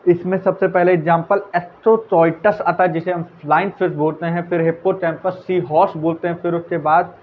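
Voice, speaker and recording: Male teacher, casual revision lecture, slightly high voice, tinny phone-line sound. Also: level tone, fairly quick, few pauses. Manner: casual, repeats answers, calls listeners brother. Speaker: biology teacher. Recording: tinny phone-like audio, faint hiss.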